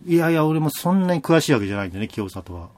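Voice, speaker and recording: A man's voice: fairly high pitch, very animated, rapid-fire, a little mellow. A man hosting a casual chat, steering the talk with teasing jokes and frequent short replies. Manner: joking interjections, frequent backchannels. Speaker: podcast host.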